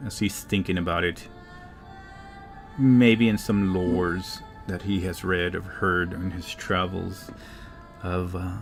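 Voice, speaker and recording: A man narrating an improvised tabletop game as game master, with halting, deliberate storytelling. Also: low voice, creaky.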